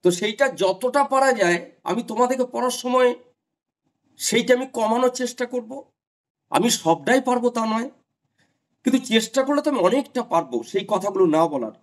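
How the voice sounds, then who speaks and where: A man's voice: extremely high pitch, expressive, fairly quick. A middle-aged man teaching an online class, giving earnest, repetitive advice straight to his students. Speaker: teacher advising job candidates.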